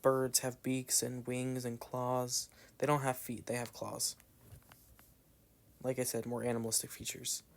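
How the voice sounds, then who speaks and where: With vocal fry and a completely flat delivery, a young man from the Southern U.S. gives rambling gameplay commentary in a Southern accent. He speaks at medium pitch and a measured pace, meandering along with frequent "like" fillers and trailing asides.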